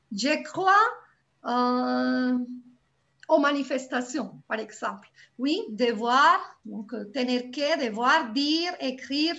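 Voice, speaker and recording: Patient high-voiced woman teaching French. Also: bright, forceful tone, highs cut off. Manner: patient, repeats words slowly and checks for understanding. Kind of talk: live online class teaching grammar.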